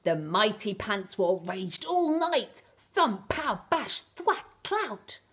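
Against a noisy background, a middle-aged woman takes her time reading a children's storybook, her mid-range voice swinging widely in pitch. Performing as an entertainer on a small indoor set with a fabric backdrop, she keeps things playful, exaggerated and theatrical.

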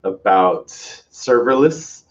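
A man with a very low voice hosts a tech livestream in loose, casual chat. He rambles and restarts his sentences, filling gaps with "uh" and "um". The stream audio sounds dull and lo-fi. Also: expressive, very slow. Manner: rambling, many fillers and restarts. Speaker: host, developer advocate.

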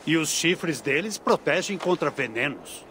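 An actor playing a proud, suspicious Viking warlord in a video game, slurring like a town drunk. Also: male voice, on the high side, animated, a little slow, pushed and bright, slight background noise. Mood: drunken suspicion. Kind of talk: dramatic video game dialogue.

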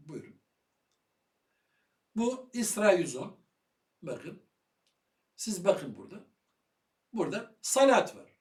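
A man giving heated video commentary on religious matters, loud and fiery, firing rhetorical questions at his listener. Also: sits high, echoey room, recorded from a distance.

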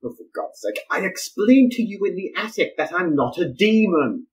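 A flustered eccentric inventor, played by a man in a radio play, his voice high and lively as he frets and pleads. He swings between panicked cries and hushed coaxing. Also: moderate pace, poor audio. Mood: placating.

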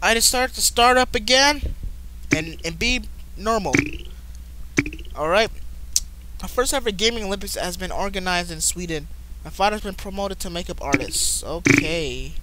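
A man giving profane, excitable commentary on a life-simulation game, reading its text aloud and reacting to each event. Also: sits high, moderate pace. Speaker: gaming channel host. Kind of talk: let's play commentary. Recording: loud background noise.

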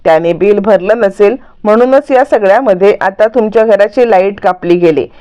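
A woman's voice: medium pitch, normal speed, warm tone, dull audio, close to an everyday voice. A woman voicing a cheeky young boy who argues back and wails for his mother in a story recap. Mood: arguing.

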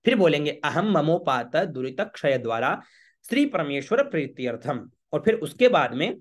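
A man, a priest teaching a home worship ritual step by step, chanting Sanskrit lines slowly and checking with the listener often. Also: medium pitch, gravelly. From Rajasthan, India. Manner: patient, repeats checks like "okay?".

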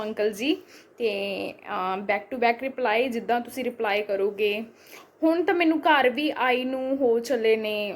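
A young woman with a Punjabi accent, a vlogger firing back at a critic with repeated rhetorical questions. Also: fairly high pitch. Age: young adult. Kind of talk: reply video rant.

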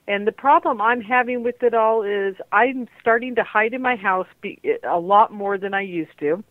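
A woman's voice: mid-range voice, dry recording. A woman hosting a radio show over a landline phone, talking in a rambling, candid and discouraged way. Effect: calling in over a landline phone. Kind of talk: unscripted monologue. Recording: tinny dry phone line.

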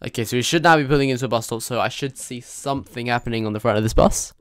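A man's voice: mid-range voice, rapid-fire, smooth, no room sound, studio quality. A man streaming a driving game, reviewing players' driving with playful, teasing banter. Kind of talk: live game commentary.

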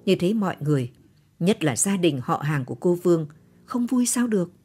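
Low husky woman, reading a late-night radio story. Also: sing-song, moderate pace, mellow, faint music behind. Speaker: story reader.

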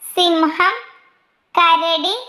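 A woman reading out quiz questions, their options and the answers in a slow, measured way, dropping her pitch for each list of options. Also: flat delivery, bright, forceful tone, roomy sound. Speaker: quiz reader.

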